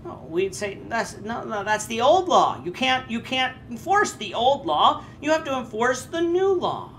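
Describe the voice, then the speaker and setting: A man's voice: a little slow, a little hiss or hum. A man in his thirties teaching a Bible class, earnest and explanatory, with frequent hesitations. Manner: earnest, with lively rises in pitch and frequent hesitations. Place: indoors before a red curtain. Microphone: camera framed chest-up.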